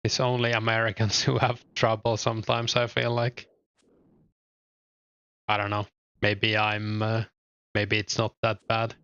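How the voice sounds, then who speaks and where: A young Finnish streamer plays a game and reads his chat aloud in a relaxed, halting manner, using lots of fillers and leaving long pauses. His lowish voice is unhurried, clear and resonant, with no echo and the highs cut off.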